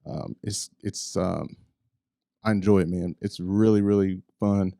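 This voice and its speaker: A man with a low, dark, mellow voice chats on a podcast in a reflective way. He pauses often to gather his thoughts. The sound is close and dry. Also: steady tone, gravelly, dry recording. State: married one year. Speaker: podcast co-host. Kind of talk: casual chat.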